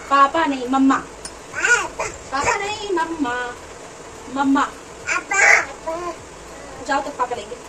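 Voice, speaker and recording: Mom cooing at her baby in a high, drawn-out voice, caught off-mic with a dog barking loudly nearby. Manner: sing-song, coaxing, repeating words. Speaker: mother coaxing her baby. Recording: distant phone mic with loud dog and household noise.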